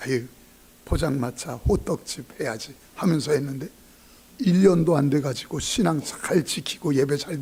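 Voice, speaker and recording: A man's voice: on the high side, breathy edge. A male pastor preaching a sermon in a joking, emphatic way, often acting out what people say. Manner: lively, joking, emphatic preaching with acted-out quotes.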